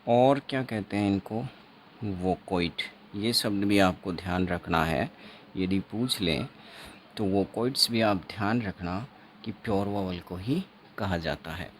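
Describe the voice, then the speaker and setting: A man teaching an exam-prep phonetics lesson, explaining slowly and repeating himself, writing on a board as he talks, with Indian English words. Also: low voice, a little hiss or hum. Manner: slow, repetitive teaching with frequent checks; writes on a board while talking.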